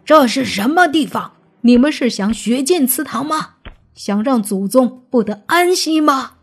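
A woman voicing a stern old male clan elder, shouting and scolding a crowd in a raised, strained voice in a storybook reading. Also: mid-range voice, moderate pace, natural voice. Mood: furious.

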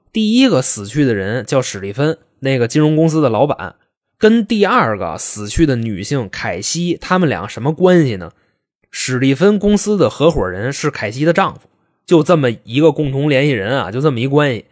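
A young man telling a true-crime story in a chatty, joking, colloquial way. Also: medium pitch. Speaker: podcast host and storyteller.

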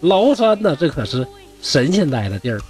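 A man's voice: fairly high pitch, faint music behind. A man voicing a serene Taoist immortal. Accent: Northeastern Mandarin. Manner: calm, unhurried, smiling. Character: serene male Taoist immortal, calm and detached.

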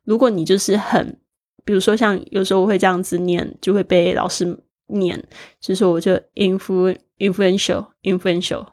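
A woman's voice: mid-range voice, level tone, a little fast, darkish tone. A native Mandarin-speaking woman gives a casual English vocabulary lesson. She spells words out letter by letter and points out where the stress falls. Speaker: English teacher.

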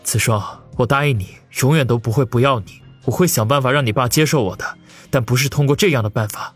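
A man doing a calm, earnest young man. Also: medium pitch, quick pace, husky, faint music behind, natural voice. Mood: gentle. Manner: earnest, persuasive.

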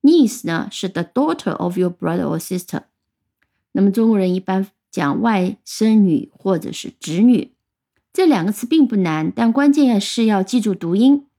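A woman with a mellow, warm voice gives an English vocabulary lesson. She explains each word patiently and spells it out letter by letter. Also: mid-range voice, expressive, normal speed. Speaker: English teacher.

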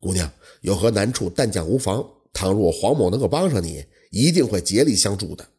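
A man's voice: fairly low pitch, lively intonation, brisk, darkish tone, breathy edge, pitched below the performer's own voice. A man playing an upright young laborer who talks bluntly and earnestly, in a told story.

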